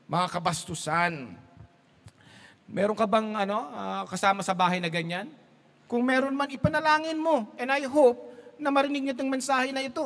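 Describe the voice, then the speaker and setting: A man's voice: very high-pitched, normal speed, a bit bright, in a large hall. A man preaching a sermon as pastor, mixing Tagalog and English, telling jokes and laughing at his own stories.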